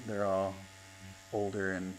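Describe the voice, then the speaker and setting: A man in his fifties chats as he tattoos, a rambling, laughing storyteller. His voice sits a little low, and a faint hum runs under the talk on his lapel mic. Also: monotone, slow. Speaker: tattoo artist and podcast host. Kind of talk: casual chat. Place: tattoo studio.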